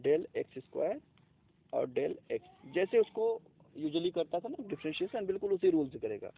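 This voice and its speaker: Gravelly man teaching math, tinny sound. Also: high-pitched, huge pitch swings, moderate pace. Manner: explains step by step, asking and answering his own questions; mixes in English terms. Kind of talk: classroom math lecture. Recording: tinny lo-fi, phone-like recording.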